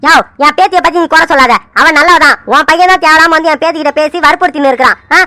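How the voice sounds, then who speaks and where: A stubborn old grandfather from a cartoon serial, voiced by a woman, barks out his demands in a piercing, bright, fast voice. He keeps pushing with short, sharp challenges. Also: sits high, no room sound. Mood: scolding. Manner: scolding, keeps barking "ah?" demands. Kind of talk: Tamil cartoon serial voicing.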